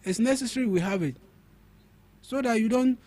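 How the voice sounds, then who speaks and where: This radio talk show guest, a young man with a Ghanaian English accent, has an extremely high, slightly mellow voice and talks at normal speed. He makes his points emphatically, often repeating words to build them.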